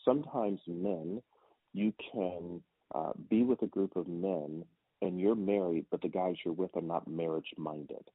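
A man's voice: sits low, lively intonation, measured pace, gravelly, husky, dry recording. A man guest who speaks as a motivational speaker, earnest and preachy, posing rhetorical questions. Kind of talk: interview answers. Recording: dry tinny phone-like sound.

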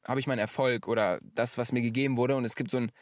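Podcast guest, male, thoughtful and searching, even middle pitch, dry close mic. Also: quick pace, dry recording. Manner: reflective, searching for words. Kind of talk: casual podcast chat.

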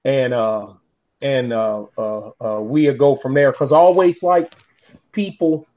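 A man chatting casually in a folksy, halting way, often repeating words as he goes. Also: medium pitch, fairly even intonation, darkish tone. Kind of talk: casual chat.

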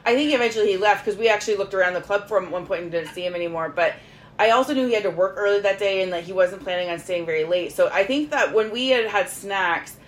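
A woman telling a story casually among friends, animated and emphatic, swearing freely and acting out what was said. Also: medium pitch, fast, a little hiss or hum. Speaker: podcast host.

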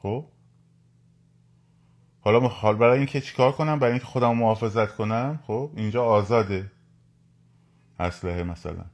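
A man talks to his listeners in a live stream. His voice sits somewhat low, and he presses his points hard, repeating them and asking his audience outright to act. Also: pauses often. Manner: animated, repetitive, urging listeners directly. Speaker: podcast host.

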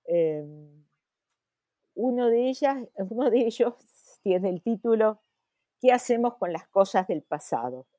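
An older woman with an Argentine accent, an academic guest answering in a podcast interview, thoughtful and full of pauses and restarts. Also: a little high, lively intonation, dark tone, no echo. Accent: Argentine Spanish. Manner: slow, thoughtful, many hesitations and restarts.

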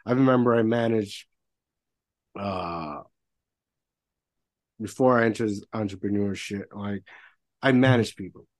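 A man's voice: fairly low pitch, a little slow, long pauses, dry recording. A man who is a real estate entrepreneur, speaking candidly as a podcast guest with frequent fillers. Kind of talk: casual conversation.

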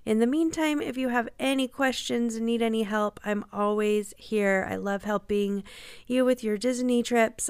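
A woman hosts a casual podcast chat, sounding congested from a cold and talking in a chatty, apologetic way. Her voice is medium-pitched and smooth, captured with clean studio sound and no room sound.

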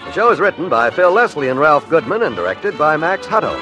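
Male radio announcer, vintage 1950s style, animated delivery, music behind. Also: on the high side, a little fast.

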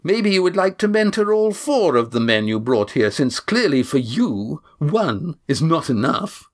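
A woman's voice: low-pitched, very animated, measured pace, pitched above the performer's own voice, heavily acted. A man reading a story, voicing a haughty woman who speaks with cutting scorn. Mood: scornful. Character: haughty sneering woman, mocking.

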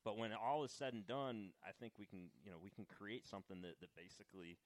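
A man's voice: lowish voice, steady tone, a little fast, no echo, low-quality recording. A man, a race car driver guest, explaining his views in casual chat with frequent restarts. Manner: explains at length with repeated restarts.

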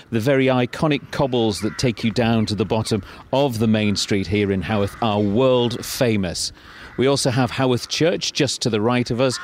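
A man's voice: mid-range voice, slight background noise. A man hosting a podcast, presenting and interviewing in the manner of a travel guide. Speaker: podcast host. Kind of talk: scripted introduction and on-location interviewing.

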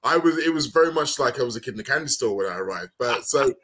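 A man's voice: medium pitch, lively intonation, quick pace, fairly bright tone. A man hosting a podcast and asking a guest friendly, chatty questions. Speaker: podcast host. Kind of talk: interview.

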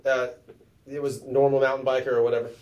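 A man's voice: mid-range voice, little pitch movement, quick pace, a little mellow. A man hosting a casual podcast, rambling and joking at his own expense. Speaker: podcast host. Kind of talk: casual chat. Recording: distant from the mic.

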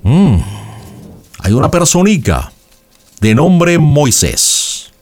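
A man's voice: fairly high pitch, big pitch swings, drawn-out words, darkish tone, a little hiss or hum, heavily acted. A man playing a theatrical TV psychic. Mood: dramatic. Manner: dramatic, sing-song, leading questions. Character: theatrical male psychic reading cards and shells. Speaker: fortune teller on a call-in. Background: background music.

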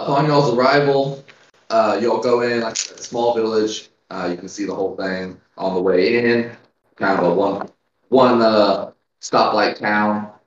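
A man running a tabletop game as game master, narrating casually with halting, informal, folksy phrasing. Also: fairly low pitch, a little hiss or hum. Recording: roomy, dull, distant from mic.

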